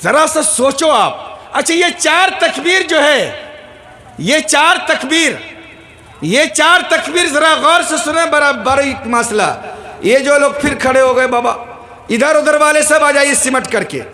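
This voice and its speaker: A man preaching a fiery religious sermon, shouting and quizzing the crowd in front of him. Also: extremely high pitch. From Bihar, India.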